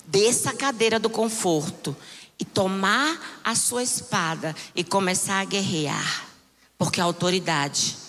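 A woman bishop preaching a fervent sermon, shouting declarations and teasing the congregation. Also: medium pitch. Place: church. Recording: long church reverb.

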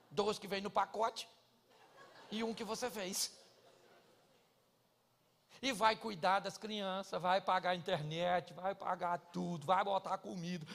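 A man's voice: high-pitched, vocal fry, fairly bright tone, big-room sound. A Brazilian man in his forties, a pastor preaching a humorous sermon and acting out the people he describes. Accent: Brazilian Portuguese. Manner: joking, acts out quoted people in dialogue.

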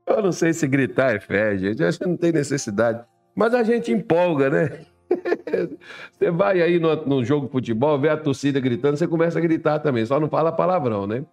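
Um homem pregando um sermão informal com humor, conversando com a congregação e imitando vozes de fiéis. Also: male voice, a little high, expressive, fast talker, darkish tone, soft background music. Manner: chatty, acts out voices of churchgoers; directs someone to put up Bible verses. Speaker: preacher. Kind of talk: informal sermon with humorous asides.

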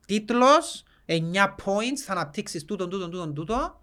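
A man's voice: sits high, animated, bright, forceful tone. A man with a Cypriot Greek accent co-hosting a casual podcast chat. He tells stories in an easygoing way and sometimes trails off into a mumble. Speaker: podcast co-host.

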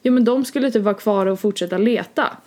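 A woman's voice: mid-range voice, a little mellow. A young woman co-hosting a podcast, telling a long story in casual chat, full of fillers. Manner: rambling, many fillers like "liksom" and "typ". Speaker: podcast co-host.

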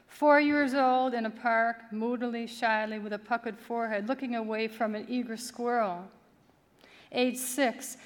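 Lady reading a short story aloud, a bit high voice, big echoey hall. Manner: measured, expressive reading with quoted dialogue. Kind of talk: literary reading. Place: large hall, live event. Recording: long hall reverb.

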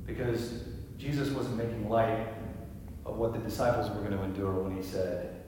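A man preaching a sermon as pastor, gentle and reflective, often dropping to a soft, quiet voice. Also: fairly low pitch, flat delivery, moderate pace, noisy background. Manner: gentle, reflective, drops to quiet near-whispers. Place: large church sanctuary. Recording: echoey hall, voice from far off.

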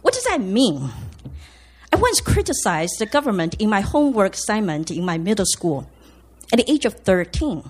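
A woman in her fifties from Taiwan, reading a serious personal essay on stage in an earnest way. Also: medium pitch. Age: 50s. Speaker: storyteller and op-ed reader.

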